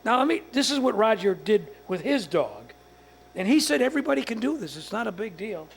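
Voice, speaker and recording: A man's voice: high-pitched, big pitch swings, brisk, gravelly, breathy edge. A man hosting a show in casual studio banter, rambling and stammering as he tells stories.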